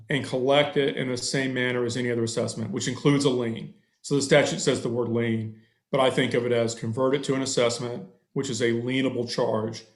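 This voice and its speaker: On a video call through a headset, a middle-aged attorney answers a board's questions thoroughly and somewhat long-windedly, using many fillers. His voice sits in the mid range, and the room sounds echoey.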